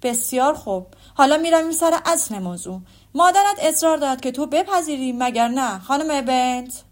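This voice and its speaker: A calm, dryly ironic older father, played by a woman reader speaks in measured phrases. He sounds unbothered and amused, and there is a quiet firmness in his voice. It is a storybook character voice. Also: high voice, voice pushed up. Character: Mr Bennet, wry dry older father. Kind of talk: audiobook character voice.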